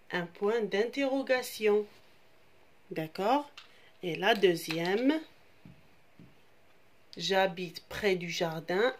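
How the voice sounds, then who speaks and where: A woman teaching a French grammar lesson to young children, speaking. She repeats key terms and explains them again in Arabic. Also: mid-range voice. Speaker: primary school French teacher.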